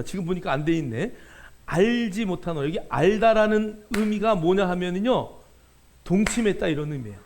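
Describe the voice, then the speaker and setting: A male pastor preaching a sermon in a conversational way, with frequent filler sounds and slowed, stretched words for emphasis. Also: sits high, creaky, a little mellow.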